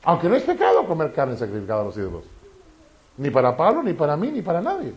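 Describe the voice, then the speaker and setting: A man's voice: a little high, fast. A man preaching a sermon, often asking the congregation questions. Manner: animated, asks the congregation questions.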